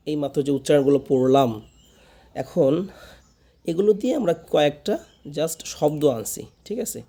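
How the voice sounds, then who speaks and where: A man leads a beginner pronunciation lesson. His voice sits a little high but sounds mellow and relaxed. He repeats words patiently and throws quick questions at his listeners. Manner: drills words by repetition, asks the viewer questions. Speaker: spoken English teacher.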